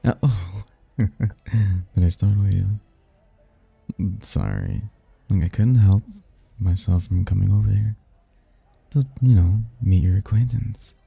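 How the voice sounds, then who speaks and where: In an ASMR roleplay, an actor plays a suave, flirtatious male demon with a full character voice that is low, husky and gravelly, teasing and smooth-talking in a charming, flirtatious mood. His delivery is expressive, slow and full of pauses, with a mellow tone. The recording is dry, with soft music playing in the background.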